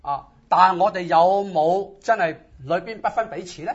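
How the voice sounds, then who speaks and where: Heard through dull, lo-fi audio, this sermon comes from a man with a high, somewhat breathy voice at normal speed. He exhorts his listeners with rhetorical questions, speaking in brief phrases and leaving pauses for interpretation.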